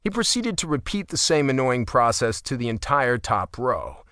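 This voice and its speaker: A man narrating a romance audiobook in the first person, expressive and wry. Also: mid-range voice, moderate pace, dry recording, studio quality.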